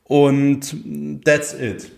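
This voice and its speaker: A man's voice: medium pitch, little pitch movement, extremely slow, creaky. A young man talking casually and motivationally to his viewers, with many fillers and rising emphasis on his key points. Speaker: motivational speaker.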